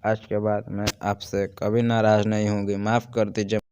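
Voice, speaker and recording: A man's voice: lowish voice, little pitch movement, normal speed, a little mellow, slight background noise, natural voice. A man reading as a stubborn young daughter-in-law. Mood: apologetic.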